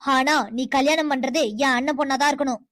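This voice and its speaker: A high, quick-talking cartoon mother, as a woman plays her, bossy and scheming, scolding her grown son in a commanding tone. The recording is dry and close. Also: level tone, fairly bright tone, dry recording. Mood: domineering. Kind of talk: cartoon voice acting.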